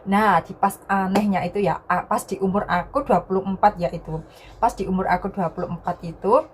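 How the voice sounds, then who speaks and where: Speaking in a mid-range, husky voice, a young Indonesian woman shares a personal story with her viewers vlog-style. She tends to repeat herself and tags her sentences with a gentle filler word.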